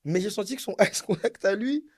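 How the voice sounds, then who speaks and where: A young man from Brussels talks a little fast, his slightly high voice carrying a breathy edge, as he relates a wild story in a casual chat. Animated and slangy, he repeats his points to hammer them home. The recording is close and dry.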